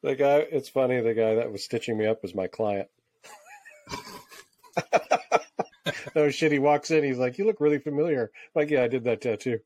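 A man's voice: mid-range voice, moderate pace, pauses often, a little mellow, dry recording. A man co-hosting a casual podcast chat, laid-back and laughing often, swearing freely. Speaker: podcast co-host, tattoo artist.

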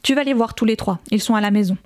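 A woman's voice: medium pitch, quick pace, natural voice. A woman reading the lines of a coarse, menacing middle-aged father who speaks with blunt contempt and false friendliness. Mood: mocking.

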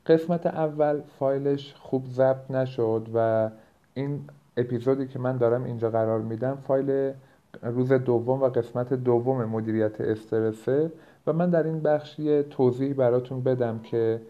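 A dull, low-bitrate recording of a man with a mid-pitched voice. He talks as a coach hosting an informal podcast, explaining things step by step. His delivery has hesitant pauses and filler sounds. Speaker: productivity coach and podcast host. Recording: low-bitrate, dull lo-fi home-edited audio.

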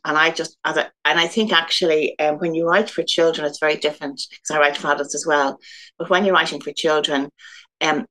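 A woman's voice: low-pitched, fairly even intonation, a little fast, fairly bright tone. A woman from Dublin with an Irish accent, a guest author chatting casually in an interview, rambling through stories and laughing often. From Ireland (Dublin).

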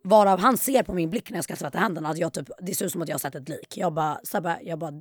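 A woman's voice: fairly low pitch, husky, no echo, clean studio sound. A woman in her twenties, a podcast guest, telling stories in casual chat and acting out what people said with her voice raised. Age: 20s. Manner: animated storytelling, acts out quotes with a raised voice. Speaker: guest, YouTuber.

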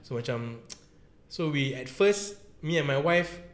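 A man with a Singaporean accent chatting casually, mixing Malay and English with lah particles, in a halting, repetitive way. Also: medium pitch. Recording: roomy, echoey sound.

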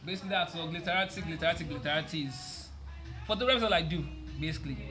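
A man's voice: a little high, rapid-fire, bright, forceful tone, faint music behind. A Nigerian man chatting casually as an interview guest, repeating himself for emphasis in a laid-back way. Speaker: photographer, podcast guest.

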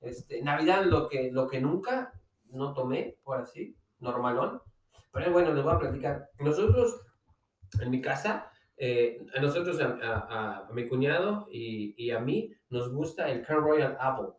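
A man from Mexico City with a chilango accent, telling stories and swearing casually in a relaxed podcast chat. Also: mid-range voice, measured pace. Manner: laughs while telling anecdotes, swears casually. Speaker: podcast co-host. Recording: echoey room, distant from mic.

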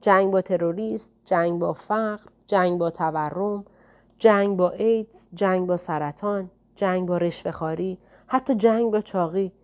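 Woman reading a calm gentle mystic man. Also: lowish voice, natural voice. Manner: calm, soft-spoken. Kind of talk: audiobook character reading.

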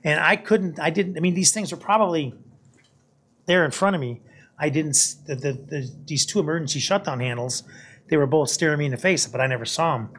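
An older man, a guest on a podcast, recounting his time as a hurricane hunter pilot in a casual, halting way, often repeating words. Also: a little high, a bit bright, breathy edge. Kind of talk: casual storytelling.

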